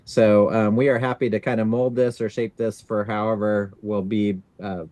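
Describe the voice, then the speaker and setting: A man hosting an orientation on a video call, explaining a new program in a relaxed way with many fillers. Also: on the low side, moderate pace, dry recording. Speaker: synod staff leading a video-call orientation.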